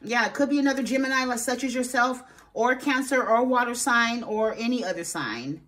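A woman giving a casual tarot reading, sassy and expressive, swearing freely and talking straight to her viewers. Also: fairly high pitch, brisk. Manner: talks straight to viewers, asks spirit aloud. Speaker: tarot reader.

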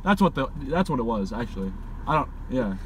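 A man's voice: medium pitch, sing-song, brisk, a little hiss or hum. A young man ordering casually from inside a car, hesitant, repetitive and vague. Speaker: prankster customer ordering from a car. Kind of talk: casual, stalling back-and-forth. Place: inside a parked car at a drive-thru. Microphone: camera on the passenger side.

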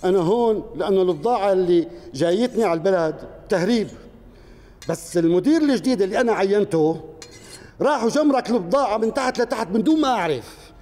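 Animated Syrian merchant. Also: male voice, high voice, fast talker. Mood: protesting. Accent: Syrian Arabic. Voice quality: insistent, animated protesting. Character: male merchant protesting innocence. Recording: reverberant studio set.

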